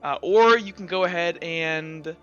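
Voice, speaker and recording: As game master for a tabletop roleplaying game, a man invents narration on the spot in a fairly high, fairly bright voice, going a little slowly. He comes across casual and hesitant, leaning on "like" and "kinda" throughout. The recording is dull lo-fi audio with background music.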